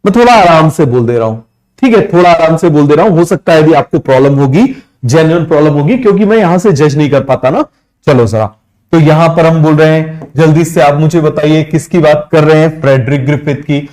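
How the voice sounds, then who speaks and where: A young man teaches biology in a live online class, speaking into a streaming mic. He fires off quick questions and answers them himself. His voice sits a little high, and he draws out English terms slowly. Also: darkish tone. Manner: mixes English terms into Hindi, drawn out slowly. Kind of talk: live online exam-prep lecture. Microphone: streaming microphone.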